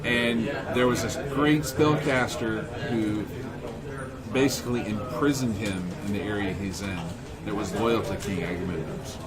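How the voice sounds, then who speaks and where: A man running a tabletop role-playing game, narrating in a halting, informal way with people chattering loudly around him. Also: lowish voice, steady tone. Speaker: game master. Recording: noisy room with crowd chatter.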